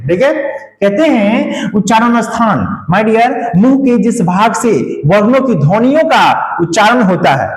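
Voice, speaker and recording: Male teacher, high voice, grammar lesson, asks and answers his own questions, echoey room. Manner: asks questions and answers them himself, repeating "है ना" and "ठीक है".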